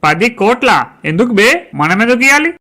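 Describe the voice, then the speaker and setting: A man's voice: very high voice, expressive, quick pace, background noise. A man playing a hot-tempered male election candidate who bosses his aide around, speaking in a Telangana Telugu accent. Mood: bossy angry. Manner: bossy, yelling at his aide.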